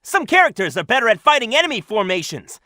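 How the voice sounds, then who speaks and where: A man's voice: very high-pitched, sing-song, fast talker, pushed and bright, no room sound, studio quality, full character voice. A man voicing a cocky, daring young hedgehog hero in a video game, with a breezy, confident manner. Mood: confident, helpful.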